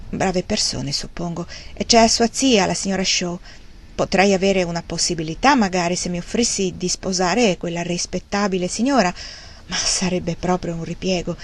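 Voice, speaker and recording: Woman reading as a wry, grieving old gentleman. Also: on the low side, moderate pace, lightly acted. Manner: wry, rambling, self-mocking. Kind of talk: audiobook character reading.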